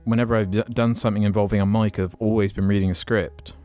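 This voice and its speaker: A man's voice: on the low side, little pitch movement, fast talker, dark tone, soft background music. A man in his twenties chatting casually as a podcast co-host. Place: small padded attic room. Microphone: podcast mic on boom arm.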